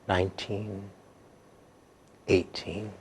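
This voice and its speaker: A man working as a hypnosis instructor, guiding an induction in a slow, soothing, repetitive hypnotist voice. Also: low-pitched, flat delivery. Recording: clear background noise.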